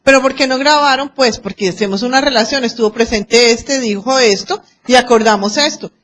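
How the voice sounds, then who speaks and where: A Colombian woman lecturing a class on arbitration, lively and acting out quoted exchanges and anecdotes. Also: fairly high pitch, a little fast, a little hiss or hum.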